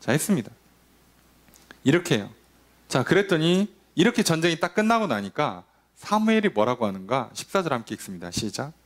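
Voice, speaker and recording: A man's voice: a little high, fairly quick. A male pastor giving a Sunday sermon, asking rhetorical questions and briefly acting out the people he quotes. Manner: lively preaching, acts out quoted voices, rhetorical questions.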